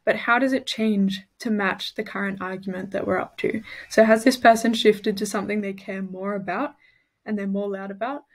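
An Australian tutor gives a study-tips lesson, explaining things clearly and methodically and using her own voice to show emphasis. She speaks in a mid-range voice.

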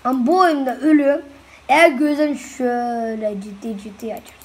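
A woman giving casual, excitable commentary over a video game she is playing. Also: sits high, brisk. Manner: excitable, chatty, reacts out loud to the game. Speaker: gameplay video host.

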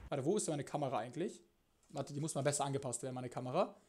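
A young man chatting casually on a live stream from his home kitchen, slangy and crude, swearing freely and swinging between mumbles and loud bursts. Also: mid-range voice, rapid-fire, slight background noise. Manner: excitable, jumps between mumbling and loud outbursts.

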